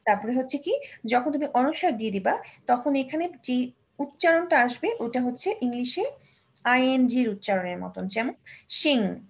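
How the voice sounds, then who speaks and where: High, gravelly-voiced woman teaching Bangla. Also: lively intonation. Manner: patient, models words slowly, mixes in English terms. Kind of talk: children's language lesson.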